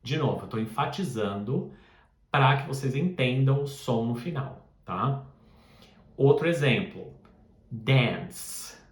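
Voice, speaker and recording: A man gives an English pronunciation lesson, his pitch leaping up and down as he stresses each ending. He talks slowly and carefully, repeating words over and over. The room around him rings with echo. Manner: lively, repeats and stresses sounds. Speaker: English teacher.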